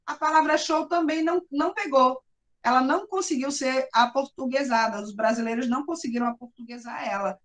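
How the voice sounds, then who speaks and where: High-voiced Brazilian woman teacher. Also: brisk. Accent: Brazilian Portuguese. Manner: explanatory, often asks for agreement and addresses the class directly. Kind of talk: classroom explanation.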